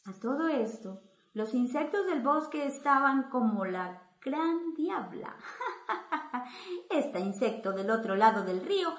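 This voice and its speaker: Expressive woman storyteller. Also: high voice, measured pace, few pauses. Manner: expressive, animated reading. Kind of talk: storybook narration. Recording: echoey room with faint ambience.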